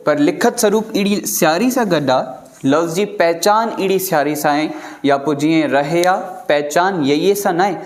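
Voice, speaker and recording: A man leads a recitation class at an unhurried pace. He reads sacred verse one word at a time and keeps checking that his students follow. His voice sits slightly high. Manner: slow syllable-by-syllable recitation, repeatedly checking with students. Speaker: Gurbani pronunciation teacher.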